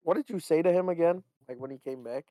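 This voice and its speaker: A man's voice: a little high, fast, low-quality recording. A young man co-hosting a casual podcast chat, blunt and mocking, tossing in "bro" and "like". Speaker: podcast co-host.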